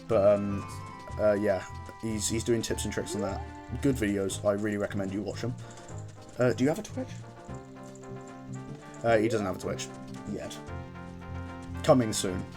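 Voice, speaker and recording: A man streams a video game, offering rambling, chatty commentary that often breaks off mid-sentence. His voice is lowish at a normal speed with long pauses, and background music plays beneath it.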